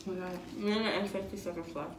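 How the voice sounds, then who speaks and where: A woman's voice: fairly low pitch, fairly even intonation, fast. A young woman vlogger joking and laughing through an eating challenge, sometimes talking with her mouth full. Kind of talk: casual chat during an eating challenge. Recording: echoey room, distant mic, faint noise.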